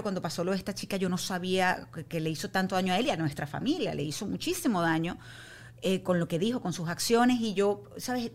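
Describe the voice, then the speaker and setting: Middle-aged woman guest, rapid candid delivery, acts out her quotes. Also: medium pitch. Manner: animated, acts out her own quoted lines. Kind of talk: candid conversational storytelling.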